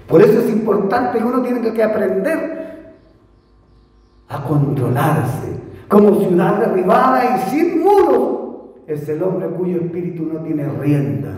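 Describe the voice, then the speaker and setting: A man's voice: sits high, darkish tone. A man with a Chilean accent preaching a sermon, emphatic and repetitive, asking rhetorical questions of the congregation. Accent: Chilean Spanish. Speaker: pastor. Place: church hall. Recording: echoey church hall, voice from far off.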